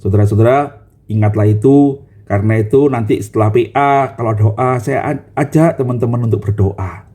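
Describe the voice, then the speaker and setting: A man's voice: medium pitch, moderate pace, dark tone. A man pastor giving an online Bible study sermon, telling the story with animation and acting out the voices of the people in it, often calling his listeners brothers and sisters.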